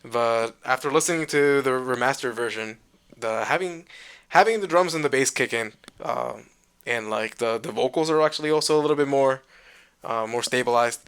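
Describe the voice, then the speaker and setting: A man's voice: mid-range voice, moderate pace, a bit bright, smooth. A man co-hosting a podcast, chatting casually about albums with many fillers and restarts. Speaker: podcast co-host. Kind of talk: casual music chat.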